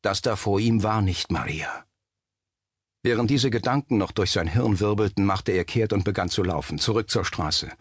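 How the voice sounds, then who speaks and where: A man reading a suspense novel aloud as narrator, measured and steady. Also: fairly low pitch, husky, no echo, studio quality. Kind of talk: scripted audiobook narration.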